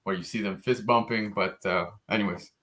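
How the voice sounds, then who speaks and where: Male podcast host, low voice, relaxed and enthusiastic, casual chat. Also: a little fast. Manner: laid-back, enthusiastic, frequent fillers.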